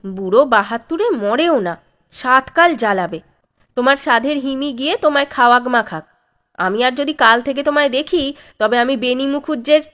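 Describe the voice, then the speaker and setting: A woman voicing a sharp-tongued middle-aged mother who scolds her old father-in-law loudly. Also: normal speed. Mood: scolding. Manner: shrill, loud, scolding.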